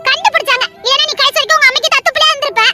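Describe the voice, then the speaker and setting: Woman doing an angry high-pitched scolding wife, super bright sharp voice. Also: very fast, no room sound, faint music behind, full character voice. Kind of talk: dubbed serial drama with one voice doing many roles.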